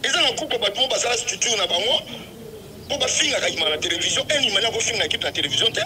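A man's voice: high voice, animated, racing, background noise. A man, a football club supporter speaking in a heated interview and repeating his points with emphasis.

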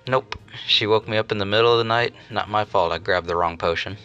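A flippant, cheeky young boy, as a man puts him on for a fan anime dub. He brushes off blame and stays defensive. The voice sits low with a bright, sharp ring. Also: a little fast, clean tone, muffled recording, faint music behind, close to an everyday voice.

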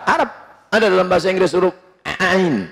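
A man preaching a humorous, lively sermon in a mosque, with bursts of shouting. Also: sits high, a little fast, vocal fry, slight background noise. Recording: long reverb in mosque hall.

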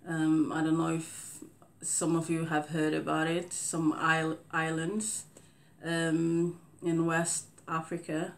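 A woman in her thirties with a Portuguese accent talks slowly and deliberately to camera. Her voice sits low and flat, with little rise and fall. She pauses often, filling the gaps with soft fillers and restarting her sentences. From Cape Verde. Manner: slow, careful speech with many fillers and restarts. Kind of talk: casual talking-head monologue. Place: indoors in front of a green screen.

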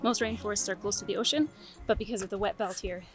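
A woman's voice: mid-range voice, steady tone, fast. A woman in her thirties chatting to the camera outdoors at a forest trail, explaining the place casually as a family vlogger. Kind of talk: casual travel vlog narration. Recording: music underneath.

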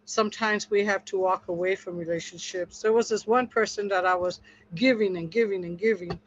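A woman's voice: medium pitch, fairly even intonation, fairly quick. Woman, earnest storytelling testimony, fellowship group chat, dull muffled sound. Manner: earnest, storytelling, acts out quotes with laughter. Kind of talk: casual testimony in a group discussion.

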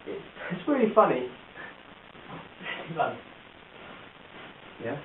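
A man in an amateur comedy sketch, rambling and halting as he pitches an idea. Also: very animated. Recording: tinny lo-fi echoey hissy recording.

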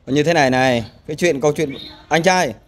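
A man acting as mediator, speaking loudly in a firm, commanding way. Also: a little high, fairly quick, a little hiss or hum.

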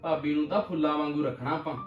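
A cheeky, teasing younger brother, played by a man, always up to mischief. His voice is a bit high and sounds far off in a roomy room. Faint music runs underneath. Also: level tone, rapid-fire, highs cut off, lightly acted. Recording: roomy film audio, distant mic, music.

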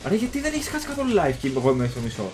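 Excitable man trash-talking over a game. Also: high-pitched. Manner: excitable, swears and trash-talks. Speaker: gaming channel host. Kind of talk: casual gameplay chat. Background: game music.

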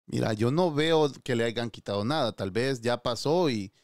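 A man's voice: medium pitch, animated, moderate pace, no room sound, studio quality. A man giving opinionated news commentary, scolding and firing rhetorical questions. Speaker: political commentator.

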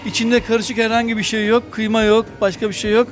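A middle-aged restaurant owner proudly describes his food in an interview, standing by the grill in the restaurant kitchen. His voice is high-pitched and fairly quick with a flat delivery, and soft music plays in the background.

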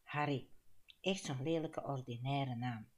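A woman's voice: very deep voice, measured pace, darkish tone, voice pushed down. A Flemish woman reading an audiobook, voicing a disapproving housewife who answers in short, cold snaps. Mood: curt. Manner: snappy, clipped, cold. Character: curt, disapproving middle-aged housewife.

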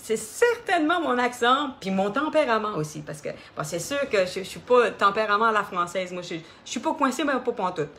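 A middle-aged woman with a Quebec French accent, telling her story in a casual, expressive way on a live stream, with many fillers. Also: a little high, a little fast, few pauses. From Quebec, Canada. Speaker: singer hosting her own live stream.

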